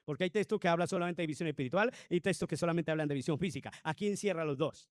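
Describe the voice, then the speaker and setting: A man preaching a Sunday school sermon in a high voice. He presses the congregation with rhetorical questions and emphatic declarations. The recording is dry, with little room sound. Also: rapid-fire, a little mellow, no echo. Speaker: pastor.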